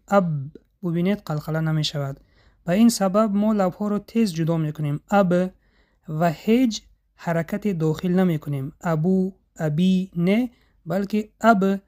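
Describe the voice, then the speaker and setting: A tajweed teacher, explaining in a measured way and demonstrating letter sounds slowly and drawn out. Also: medium pitch, mellow. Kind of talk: instructional explanation.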